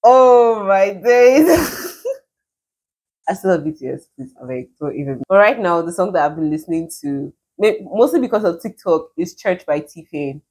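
A woman's voice: deep voice, expressive, a little fast, hardly any pauses, darkish tone, husky. A woman with a Nigerian accent giving casual reaction commentary in a giggly, self-mocking way. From southeastern Nigeria. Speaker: YouTuber.

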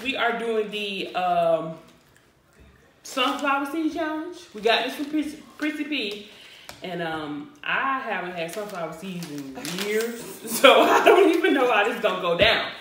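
A woman's voice: medium pitch, animated, moderate pace, fairly bright tone. A young woman chatting informally and colloquially as a vlog host. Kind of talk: casual chat. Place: indoor living room, around a table. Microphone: distant camera. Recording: echoey room, far mic, faint noise.

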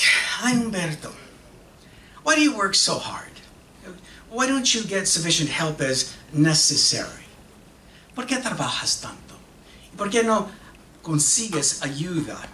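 On an auditorium stage, a man gives a dramatic monologue reading as an earnest magazine publisher, earnest and wry, slipping between English and Spanish. His sharp, higher voice comes in deliberate, halting short phrases with pauses. A stand mic at the lectern is captured by a distant camera, so the sound is far-off and echoey, with background noise.

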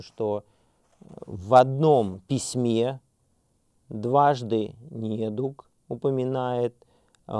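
A middle-aged seminary lecturer speaks without a script, hesitating on fillers and restarting sentences as he thinks aloud, slowing down to read scripture. His voice is medium-pitched, gravelly, and dark, recorded dry with no echo.

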